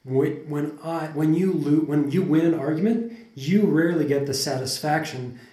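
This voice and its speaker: In a casual podcast conversation, a male co-host with a fairly high, mellow voice works through his thoughts at a moderate pace, frequently restarting and filling pauses. The sound is roomy and echoing.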